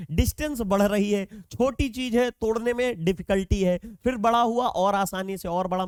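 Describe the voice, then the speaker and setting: Male lecturer, high and smooth, patient step-by-step explainer who talks directly to his students. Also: darkish tone, dry recording, studio quality. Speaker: chemistry teacher. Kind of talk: classroom lecture.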